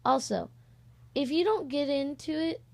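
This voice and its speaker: A high, unhurried voice with vocal fry and a darkish tone belongs to a sixteen-year-old girl running an amateur voice-acting channel. She makes a casual, rambling, hesitant announcement in informal vlog style, recorded through a cheap microphone with slight distortion.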